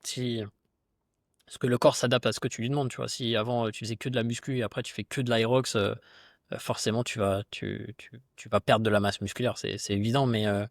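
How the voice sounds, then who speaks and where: A man talking as a podcast guest and fitness coach, in a chatty, relaxed, slangy way with lots of fillers. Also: medium pitch, a little fast, vocal fry, no echo, studio quality. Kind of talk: casual conversation.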